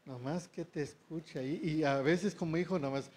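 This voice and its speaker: A man's voice: on the high side, moderate pace, a little mellow. A man preaching a sermon, often checking in with the congregation through short rhetorical questions.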